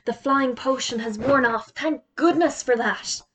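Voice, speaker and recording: A woman doing a quiet whispering schoolgirl. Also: high voice, unhurried, a little hiss or hum, voice pushed up. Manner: whispering, relieved.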